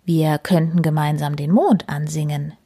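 Woman voicing a big calm papa tomcat. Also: sits low, moderate pace, slightly rough. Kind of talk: children's story reading.

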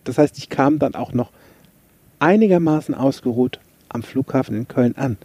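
A man's voice: mid-range voice, moderate pace, dark tone, breathy edge, no echo. A man hosting a podcast, chatty and self-mocking as he tells a story and gives motivational tips. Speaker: podcast host, coach. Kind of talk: casual motivational podcast monologue.

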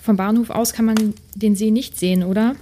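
A woman's voice: medium pitch, steady tone, brisk, warm tone, slight background noise, lightly acted. A woman reading a panicky young wizard boy. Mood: worried. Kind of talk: read-aloud storybook.

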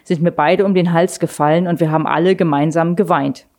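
A woman's voice: lowish voice, fairly even intonation, fairly quick, a little mellow, lightly acted. A woman voicing a man in a tracksuit telling a reporter what he saw, as an emotional eyewitness in a read-aloud novel. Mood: moved.

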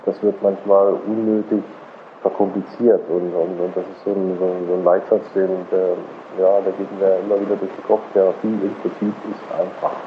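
A man speaking as a physiotherapist guest in an interview, explaining calmly with many fillers, heard on an old low-quality recording. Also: moderate pace. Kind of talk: conversational interview. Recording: muffled phone-like old recording with faint noise.

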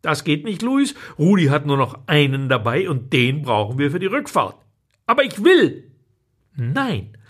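A husky man reads his own humorous column aloud with a pitch that rises and falls a lot. His telling is dry and ironic, and he slips into the voices of the people he quotes. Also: sing-song, moderate pace, fairly bright tone. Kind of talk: expressive reading of a humorous column.

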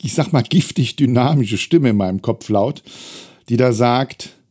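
Here a middle-aged man who works as a self-employed trainer recounts his setbacks with wry candor and reflection. His voice is medium in pitch, mellow, and slightly breathy, and he takes his time as he shares the story.

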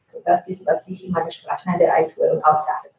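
Speaking quickly in a low, level, slightly mellow voice with vocal fry, this native Italian woman from Italy answers interview questions as a translator and trainer, pausing thoughtfully with many fillers. The sound is roomy, distant and dull lo-fi, with a little hiss or hum.

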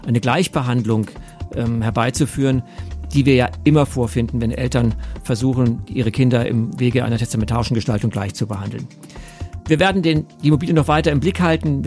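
Gravelly-voiced man hosting a podcast. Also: medium pitch, darkish tone. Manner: measured, explanatory, with fillers. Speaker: podcast host. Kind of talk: explanatory podcast talk.

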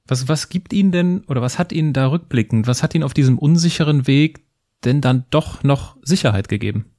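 Measured male interviewer. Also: mid-range voice, warm tone, no echo. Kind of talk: interview questions.

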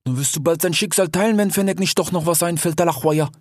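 A man's voice: a little high, quick pace, darkish tone, no echo, studio quality, close to an everyday voice. An actor playing a talkative male desert fox merchant in an audiobook fairy tale, tagging his sentences with a questioning "ja?". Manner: chatty, ends phrases with 'ja?'.

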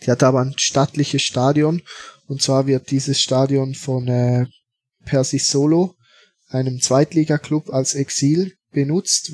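A man talks as a guest on a podcast. His pitch stays flat and even, and he often stops to fill gaps and restart his sentences. The sound is dry and close. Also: no echo. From Switzerland. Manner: hesitant, many fillers and restarts. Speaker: podcast guest, football fan. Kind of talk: casual interview talk.

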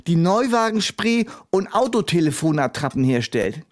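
Smug high-voiced man in a comedy sketch. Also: sing-song, normal speed. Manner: smug, scoffing know-it-all. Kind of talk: scripted comedy sketch dialogue.

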